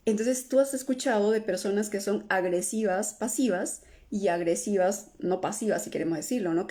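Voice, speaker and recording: A woman's voice: mid-range voice, mellow. A woman teaching about emotions on a live stream, ending nearly every phrase with a questioning "¿no?" or "¿sí?" and answering viewer comments aloud. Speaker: emotional healing coach.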